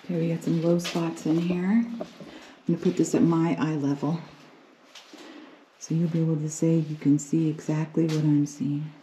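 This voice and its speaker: A woman's voice: sits low, level tone, normal speed, pauses often, mellow. A woman chatting and teasing as she walks through a cave on a vlog tour, her voice ringing with cave echo. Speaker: vlogger. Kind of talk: casual tour vlog chat. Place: inside an echoing cave. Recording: echoey cave with faint noise.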